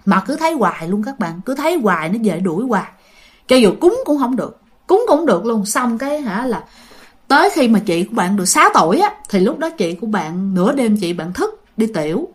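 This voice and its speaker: A woman's voice: a little high, sing-song, a little fast. A woman casually telling a ghost story, chatting to her listeners and often repeating her words.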